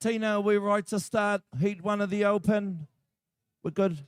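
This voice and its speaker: A male announcer with a New Zealand accent runs a live competition. His voice is high and smooth with a dry sound, and he gives directions in a practical, informal way. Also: steady tone, unhurried, no room sound.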